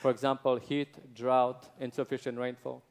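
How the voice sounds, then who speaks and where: A man's voice: mid-range voice, little pitch movement, gravelly, darkish tone. A man giving a training lecture on plant stress, speaking in short phrases with fillers and restarts while an interpreter follows. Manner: slow, halting, with repeated words and fillers. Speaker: product trainer.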